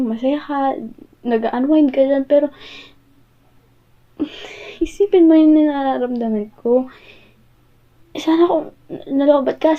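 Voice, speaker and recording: Casting: actress as jealous, wounded young-love girlfriend, Filipino accent, high female voice, halting pleading delivery, audio role-play, thin phone-like sound. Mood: stressed, halting. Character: hurt jealous girlfriend confronting partner who came home late.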